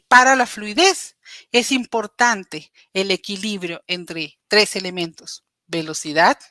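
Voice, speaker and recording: A woman's voice: on the high side, bright, forceful tone, no echo. Patient woman explaining slides. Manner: patient, explanatory, addresses listeners directly with frequent "eh" fillers. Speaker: literacy educator presenting. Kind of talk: recorded slide presentation lecture.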